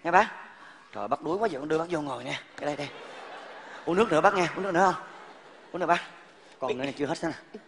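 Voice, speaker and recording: A slightly high young male voice of an earnest suitor, played by a man on a live comedy stage. He talks eagerly and politely, and the sound carries a long hall reverb with a faint hiss. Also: animated, racing, pauses often, fairly bright tone. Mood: coaxing. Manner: eager then deferential, polite particles. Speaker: comedy sketch actor. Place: large theater stage.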